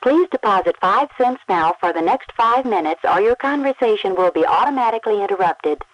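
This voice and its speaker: A woman gives a scripted payphone announcement played over a phone line. Her delivery is crisp, formal and measured. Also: mid-range voice, animated, no room sound. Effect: recorded payphone announcement over a phone line. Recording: tinny old telephone line, distant.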